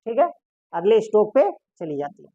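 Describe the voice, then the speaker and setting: A woman's voice: medium pitch, sing-song, normal speed, no room sound, narrow, tinny audio. Woman teaching, asking and answering herself. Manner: asks questions and answers them herself. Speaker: shorthand teacher. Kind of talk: classroom lesson explaining.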